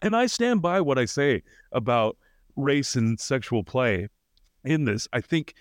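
A man's voice: medium pitch, lively intonation, unhurried, dry recording, studio quality. A man co-hosting a casual film podcast, talking loosely with many fillers and restarts. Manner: loose, hesitant, lots of fillers. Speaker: podcast co-host.

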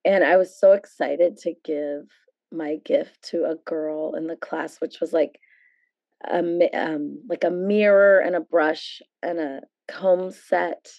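A woman's voice: low voice, steady tone, takes it slowly, vocal fry, no room sound, muffled recording. A middle-aged American woman speaking as an interview guest, casually telling personal stories. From San Francisco Bay Area, USA.

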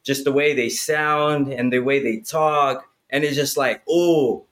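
Profane, hyped-up man talking fast. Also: medium pitch, steady tone, a bit bright. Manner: profane, hyped, motivational, says "bro" and "right?" constantly. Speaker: podcast guest. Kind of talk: casual chat.

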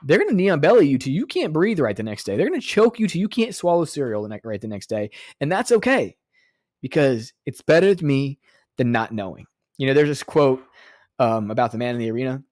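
A man's voice: mid-range voice, sing-song, fairly quick, darkish tone, no echo. Man, podcast host, casual monologue, earnest, emotional, sarcastic jokes, dry close sound.

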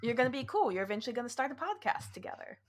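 A woman's voice: a little high, big pitch swings, rapid-fire, background noise. A woman in her thirties co-hosting a podcast, telling stories in a casual chat and laughing often. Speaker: podcast co-host.

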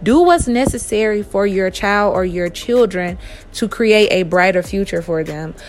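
A woman's voice: mid-range voice, animated, unhurried, soft background music. A woman in her thirties hosting a podcast, talking casually and directly to her listeners. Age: 30s. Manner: chatty, talks straight to listeners with "y'all". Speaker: podcast host. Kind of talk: casual monologue.

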